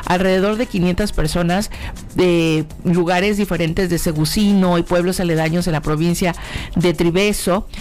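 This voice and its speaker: A woman with a somewhat low, slightly mellow voice and a Mexican accent hosts a radio show. In a chatty, informal monologue, she speaks straight to the listener and poses rhetorical questions.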